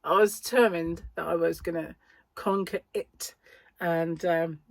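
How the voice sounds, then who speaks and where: A woman's voice: fairly low pitch, steady tone, measured pace, gravelly, no echo. A British woman chatting casually and self-deprecatingly in a rambling vlog, with a slight speech impediment that occasionally blurs her words. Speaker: crochet vlogger and yarn shop owner.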